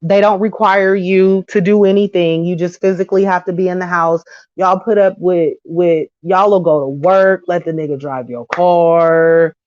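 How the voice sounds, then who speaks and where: A vlogger in her thirties with a fairly low-pitched voice delivers a blunt, slangy opinion monologue to camera. She's animated and quick to slip into mocking voices. The recording is dry, with the highs cut off.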